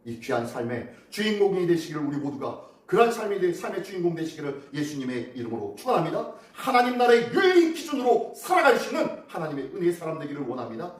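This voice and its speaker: A man's voice: fairly high pitch, sing-song, quick pace, few pauses. Male pastor, emphatic sermon cadence, rhetorical questions, roomy echo, distant mic. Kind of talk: dawn devotional sermon and prayer.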